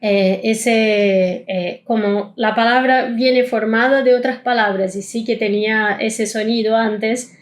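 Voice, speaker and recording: Woman teaching, slow careful drills. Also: a little high, steady tone. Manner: repeats sounds slowly, drawn-out vowel drills. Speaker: German teacher. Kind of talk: pronunciation lesson.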